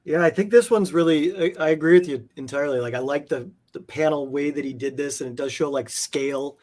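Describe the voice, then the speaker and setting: Fairly quick and a little mellow, with a voice on the high side, the comic art collector rambles happily as an interview guest. His talk about comic art is casual and enthusiastic, studded with "like".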